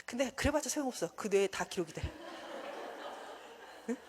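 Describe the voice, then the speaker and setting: A woman's voice: fairly high pitch, a little fast, background noise. A woman giving a church seminar lecture, talking animatedly and acting out bits of dialogue. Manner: animated, acts out quoted dialogue. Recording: long hall reverb.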